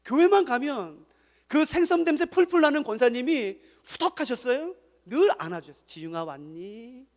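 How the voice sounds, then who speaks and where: A man preaching an emotive sermon, swinging between loud exhortation and soft, tender asides. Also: very high-pitched, lively intonation, normal speed. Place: large church hall. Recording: long church hall reverb.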